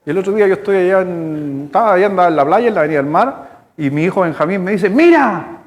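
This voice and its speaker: A male pastor with a Chilean accent, preaching a sermon in a lively, storytelling way, speaking to the congregation. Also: high voice, very fast, dull audio. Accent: Chilean Spanish. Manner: storytelling, animated, conversational with congregation. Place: church hall. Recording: long hall reverb in church.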